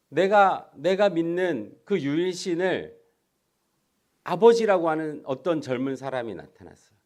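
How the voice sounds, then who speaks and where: Middle-aged male pastor, lively sermon delivery, raised pitch, rhetorical questions, loud-soft swings. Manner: rhetorical questions answered himself, swings between loud emphasis and quiet asides.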